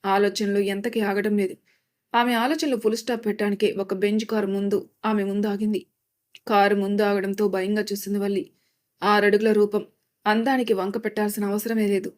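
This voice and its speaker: A woman storyteller reading a romance story aloud in steady scripted narration. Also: mid-range voice, a little fast.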